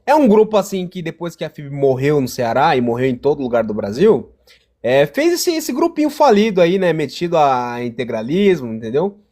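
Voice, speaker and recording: Casting: Brazilian man, high and very lively voice, sarcastic co-host. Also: normal speed. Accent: Brazilian Portuguese. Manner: mocking, sarcastic slang. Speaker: live stream co-host. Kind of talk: casual political live stream chat.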